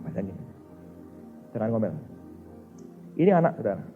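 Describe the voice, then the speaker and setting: A man, a pastor preaching a sermon, speaking directly to his congregation in an animated way. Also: on the low side, moderate pace. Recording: muffled recording with faint music.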